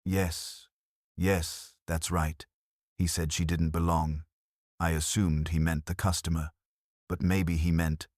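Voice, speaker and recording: A man voicing a bewildered, grieving middle-aged village butcher in an audiobook, murmuring haltingly. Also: sits low, little pitch movement, darkish tone, no echo, studio quality.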